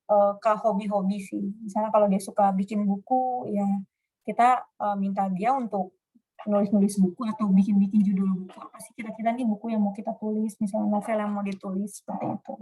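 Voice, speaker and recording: A woman gives an informal lecture, talking through her slides at an easy pace. She pauses often with fillers and slips into short acted example questions as she goes. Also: mid-range voice, dark tone.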